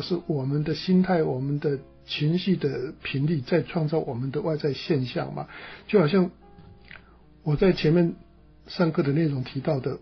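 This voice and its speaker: A man's voice: fairly high pitch, vocal fry, breathy edge, dull audio. A middle-aged man from Taiwan with a Taiwanese Mandarin accent, giving a spoken lecture in a loose, digressive way, full of filler particles. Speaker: teacher.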